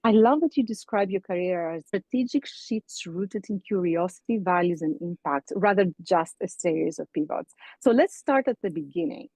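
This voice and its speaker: A woman's voice: fairly low pitch, expressive, normal speed, a little mellow, no echo, rough recording. A woman from Greece acting as guest host, reading a formal introduction and asking interview questions. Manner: formal, reads introduction from script. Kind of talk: podcast interview.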